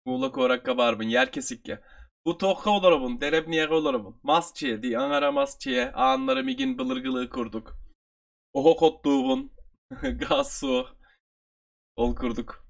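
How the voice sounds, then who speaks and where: A man with a Turkish accent, from Turkey, teaching an online review lesson and repeating phrases slowly for his learners. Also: a little high, very animated, vocal fry.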